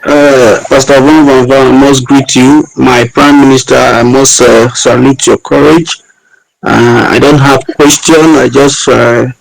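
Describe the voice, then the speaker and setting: A man's voice: mid-range voice, vocal fry, a little hiss or hum, rough recording. A man calling in to an online audio room and giving an impassioned, rallying speech. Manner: fervent, rallying. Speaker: caller.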